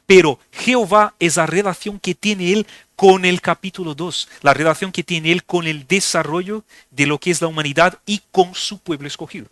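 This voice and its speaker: A man's voice: on the high side, pushed and bright, dry recording, clean studio sound. A man preaching a sermon in a church, explaining a text step by step and often checking in with his listeners. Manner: explanatory, asks listeners for agreement. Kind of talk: sermon teaching.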